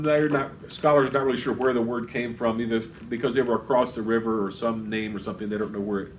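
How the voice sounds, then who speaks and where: A man preaches an expository sermon as a pastor, reading scripture aloud and then unpacking it in plain asides, often restarting his sentences. His voice is mid-range, and the poor audio carries a little hiss or hum.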